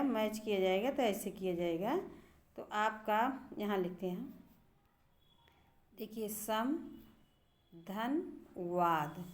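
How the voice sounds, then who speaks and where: Woman, teacher, middle-aged, fairly high voice, patient, slow repeated words, grammar lesson. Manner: patient, repeats words slowly to show pronunciation. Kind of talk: explaining grammar to students.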